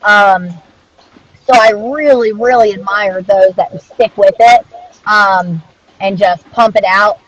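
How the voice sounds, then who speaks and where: Speaking slowly at a medium pitch, a dog trainer being interviewed talks in a relaxed, conversational manner. She comes across as earnest and informally reflective, though the lo-fi recording sounds muffled and dull.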